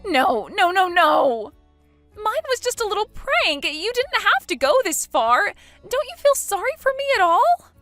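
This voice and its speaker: A woman's voice: sits high, very animated, brisk, pushed and bright, dry recording, faint music behind, full character voice. A woman voicing an entitled young woman who whines and protests in rising outbursts, in a read-aloud text story. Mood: indignant.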